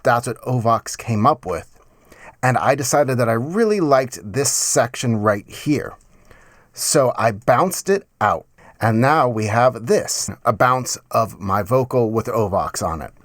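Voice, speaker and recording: In a small home studio, a man in his thirties presents a casual music production tutorial, informal, enthusiastic and full of slang. His mid-range voice is animated but unhurried, caught dry with no room sound on a close studio mic fitted with a pop filter.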